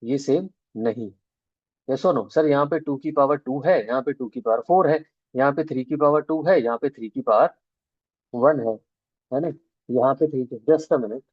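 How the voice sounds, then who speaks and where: A man's voice: mid-range voice, breathy edge, no echo. Indian man teaching maths, dull dry sound. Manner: explains step by step, drawing out key terms slowly; checks in with students often. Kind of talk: online class lecture in mixed Hindi and English.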